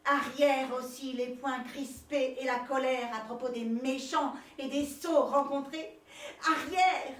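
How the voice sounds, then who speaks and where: A high-pitched, theatrical young mother played by a stage actress declaims with earnest, exalted passion. The sound is roomy and distant from the microphone. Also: steady tone, takes it slowly, a bit bright. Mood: exalted, declamatory. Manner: theatrical, declamatory, impassioned delivery. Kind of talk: stage play performance. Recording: echoey room, distant microphone.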